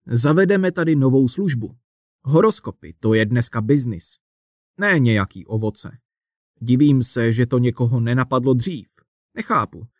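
A man's voice: mid-range voice, animated, dry recording, studio quality, natural voice. A man reading the part of a pushy, self-satisfied manager in a striped suit, talking like a salesman. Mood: bossy. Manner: brisk, salesman-like, lecturing.

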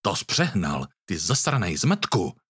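A man's voice: low voice, wildly swooping pitch, fairly bright tone, breathy edge, no room sound, clean studio sound, voice pushed down, exaggerated voice. A man reading the part of a cruel, mocking young thug in a storybook. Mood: aggressive. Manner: mocking, contemptuous.

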